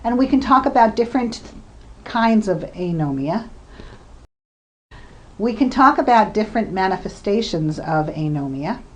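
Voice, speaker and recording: A woman researcher presents a recorded lecture on communication disorders, explaining points and offering examples with occasional fillers. Her mid-range voice has lively intonation at a moderate pace, and she pauses often.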